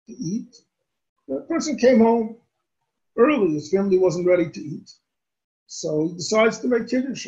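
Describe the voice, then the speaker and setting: A man, a rabbi, answering questions on religious law in a deliberate, explanatory way and restating his points. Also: high voice, a little mellow. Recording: dull lo-fi recording.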